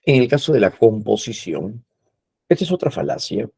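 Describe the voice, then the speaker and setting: Man, teacher lecture, patient explaining, husky, dry sound. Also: fairly low pitch, big pitch swings, normal speed, mellow, no room sound. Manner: explains patiently with frequent "¿no?" and "eh" tags.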